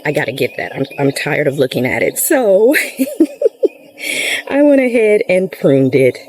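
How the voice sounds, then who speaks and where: A woman's voice: low voice, darkish tone, slight background noise, rough recording. A woman chatting casually through a gardening vlog outdoors in her garden, rambling with fillers and out of breath. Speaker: gardening vlogger. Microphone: camera set up nearby.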